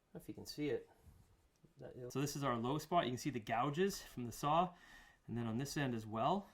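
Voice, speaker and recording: A man's voice: medium pitch, brisk. A man giving a casual woodworking tutorial in his workshop, talking easily while he files and sands. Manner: relaxed, talks while working with tools. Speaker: woodworking instructor. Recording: workshop noise under the voice.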